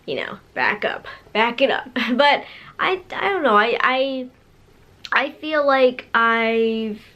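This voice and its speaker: A woman's voice: on the high side, lively intonation, slow pace, bright, forceful tone. A woman in her late twenties talking casually to her viewers in a bubbly, sassy way, full of fillers and restarts. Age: 20s. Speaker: vlogger. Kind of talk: casual talk to camera.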